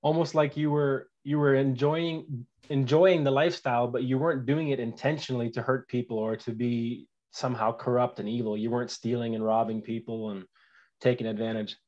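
Male podcast host, mid-range voice, gentle follow-up questions, slightly muffled lo-fi recording. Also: medium pitch, steady tone, a little fast. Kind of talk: conversational interview.

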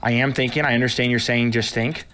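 A man streaming his gambling and talking excitedly, swearing often and repeating himself. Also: medium pitch, fast, slight background noise. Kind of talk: live-stream casual chat.

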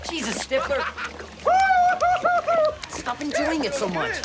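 An actor playing an anxious, exasperated young groom in a film comedy, stammering and flustered. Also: male voice, very high voice, big pitch swings, slow, very noisy, full character voice. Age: 20s. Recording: film soundtrack, music and party crowd.

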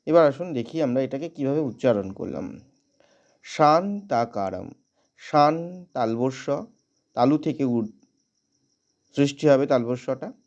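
A man teaching how to pronounce a Sanskrit prayer, chanting verses slowly and breaking each word down syllable by syllable. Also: medium pitch, lively intonation, a little mellow, dull audio. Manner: slow drawn-out chanting of verses, brisker spoken explanations. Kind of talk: chanting a prayer, then explaining pronunciation.

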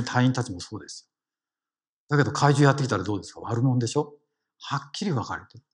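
A husky, mid-range male voice with a Kansai accent preaches in a conversational way as a lay preacher. He keeps the congregation involved by asking them questions, often ending phrases with "ne."

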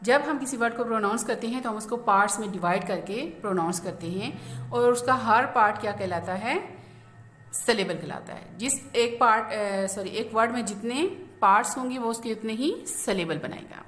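A woman teacher explains a grammar lesson slowly, asking questions and then answering them herself. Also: on the high side, a bit bright, soft background music. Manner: slow, explanatory, asks and answers own questions. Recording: echoey room.

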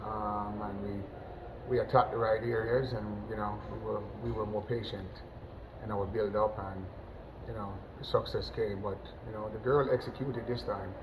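A middle-aged man from Jamaica, a national team football coach, talking in a relaxed post-match interview over a webcam, full of "you know" fillers and restarts. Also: fairly low pitch, normal speed, noisy background. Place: indoors, in front of a sponsor backdrop.

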